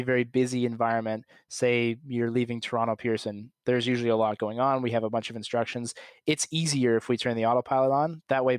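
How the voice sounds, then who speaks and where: A young man, an airline pilot, calmly and methodically explaining his work in an interview. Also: medium pitch, dry recording. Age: young adult. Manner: calm, methodical, plain explaining. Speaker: commercial airline pilot, podcast guest.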